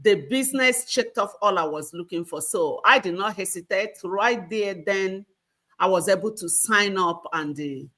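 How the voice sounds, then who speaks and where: A woman's voice: mid-range voice, lively intonation, moderate pace, sharp tone. A woman guest on a video call, giving an earnest, heartfelt personal testimony.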